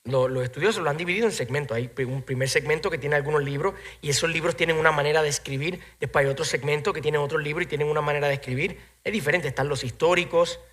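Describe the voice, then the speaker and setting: A man preaching a sermon as pastor, animated and emphatic, now and then slipping English phrases in. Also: fairly high pitch, fast, hardly any pauses. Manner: animated preaching, rising to loud emphatic peaks.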